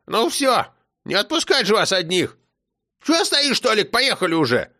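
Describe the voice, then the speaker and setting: A man doing a shrill bossy old granny. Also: very animated, moderate pace, full character voice. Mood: scolding shouts. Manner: shrill scolding shouts. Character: bossy loud old grandmother, fussy and domineering.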